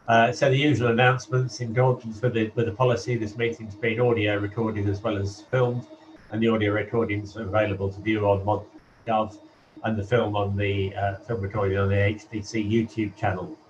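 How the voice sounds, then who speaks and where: A man chairing a formal online meeting, his voice hollow and echoing as if he were in a wind tunnel. He speaks in a measured, procedural way with hesitations. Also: fairly low pitch, flat delivery. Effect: hollow, echoing wind-tunnel sound on his audio. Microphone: video call. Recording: muffled, distant video-call audio with windy background noise.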